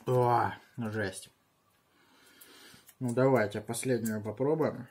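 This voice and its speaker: A man in his thirties chatting casually on a home vlog in halting short bursts while he handles and tastes things, with a husky voice. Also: mid-range voice, steady tone, a little mellow. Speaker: video host tasting candy. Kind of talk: casual vlog chat with muttered reactions. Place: small room at home.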